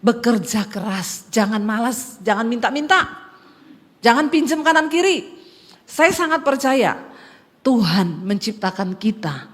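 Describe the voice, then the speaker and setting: High-pitched woman pastor preaching, animated storytelling, lots of hall echo. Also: unhurried. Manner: animated storytelling, acting out voices in her story; direct, exhorting the congregation. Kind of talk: sermon. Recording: long reverb of a church hall.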